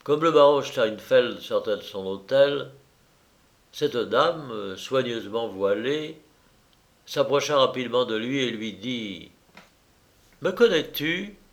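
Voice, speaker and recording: Man reading a novel slowly. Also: medium pitch. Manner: slow, measured reading. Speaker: audiobook narrator. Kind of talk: scripted narration.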